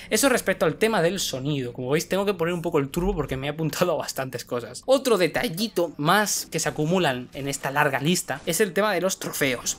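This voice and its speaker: A man with a Spain Spanish accent reviewing a video game in a casual, animated way, repeating words for emphasis. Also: on the high side, a little hiss or hum.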